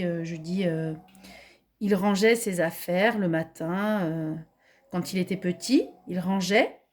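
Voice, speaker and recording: A woman giving a grammar lesson, speaking deliberately, spelling out letters and telling viewers to pause and answer. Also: medium pitch, a little mellow. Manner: addresses viewers, asks them to pause. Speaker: French teacher.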